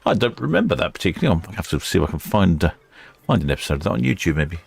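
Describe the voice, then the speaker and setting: A man's voice: low-pitched, sing-song, rapid-fire, gravelly, slightly rough. A man hosting a casual live ship-spotting stream, chatting and musing as he watches. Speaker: livestream host.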